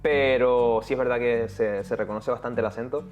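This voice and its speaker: A young man from the Canary Islands speaks with a soft Canarian Spanish accent, relaxed and talkative as he answers an interviewer. His voice sits at an ordinary male pitch. A little background music plays faintly under the chat. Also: moderate pace. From Tenerife, Canary Islands. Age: young adult. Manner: relaxed, chatty, peppers speech with "¿sabes?" and "tío". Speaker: guest. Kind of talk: casual conversational interview.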